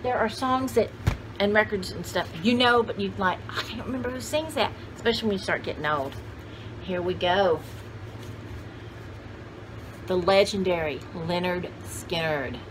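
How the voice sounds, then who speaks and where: A woman in her sixties pauses often as she chats at a moderate pace in a medium-pitched voice, showing vintage finds to the camera. Her talk is rambling, folksy and exclamatory, frequently directed at herself and her viewers. She's in a cluttered indoor room with shelves, and the background is noisy.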